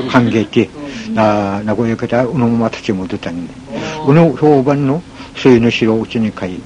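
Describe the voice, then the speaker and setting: A man with an Okinawan accent telling a folk tale in a halting way, pausing often with fillers. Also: mid-range voice. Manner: halting, with many pauses and fillers. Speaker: folk storyteller. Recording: noisy recording with ambient hiss.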